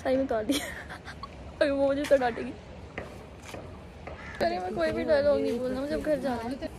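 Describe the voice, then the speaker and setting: A young university student with a high-pitched voice chats for her vlog at a moderate pace, rambling casually and giggling. Crowd sounds and noise fill the background.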